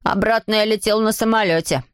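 A woman reading aloud voices a hot-tempered schoolboy who brags and shouts. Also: mid-range voice, fairly quick, smooth, no room sound, studio quality, natural voice. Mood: bragging. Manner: shouting, bragging.

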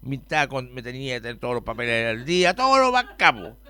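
A man with a Chilean accent telling a rambling personal travel story on a radio show, animated, jumping between loud outbursts and mumbled asides. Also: medium pitch, fast, clean tone, no echo.

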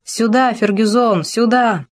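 A woman's voice: medium pitch, a little slow, close to an everyday voice. A woman voicing a reckless, commanding male soldier who barks urgent orders. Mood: defiant.

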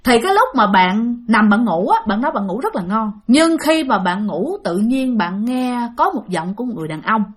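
A woman's voice: fairly high pitch, sing-song, moderate pace, few pauses. A woman with a Southern Vietnamese accent narrating a ghost story in a chatty way, talking straight to her listeners. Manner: chatty, addresses listeners directly.

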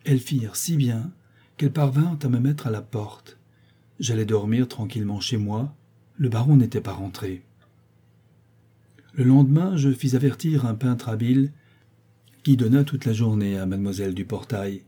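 A man narrating a classic novel as an audiobook with a measured, expressive reading. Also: mid-range voice, slightly rough.

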